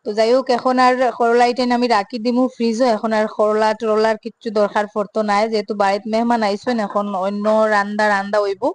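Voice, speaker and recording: A woman's voice: fairly high pitch, little pitch movement, fast, hardly any pauses. Chatty Sylheti-accented woman vlogger. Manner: chatty, mixes Sylheti and standard Bengali, many filler sounds. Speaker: home vlogger. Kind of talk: casual vlog narration.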